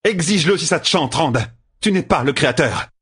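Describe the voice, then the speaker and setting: A man voicing a defiant young woman leader in an audiobook, his husky voice pitched far up and scolding. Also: expressive, fairly quick, a bit bright, exaggerated voice. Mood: stern.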